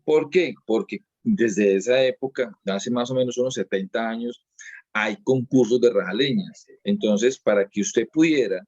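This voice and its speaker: A man's voice: mid-range voice, moderate pace, darkish tone, no echo, muffled recording. A man, a dance teacher being interviewed, explaining at length in a casual way and often restarting and repeating his words.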